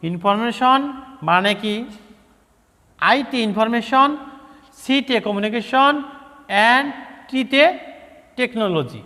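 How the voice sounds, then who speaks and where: High-voiced man teaching children, echoey room. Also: lively intonation, slow, long pauses, bright, forceful tone. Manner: repetitive, spells words out letter by letter. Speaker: primary school science teacher. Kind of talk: classroom lesson to children.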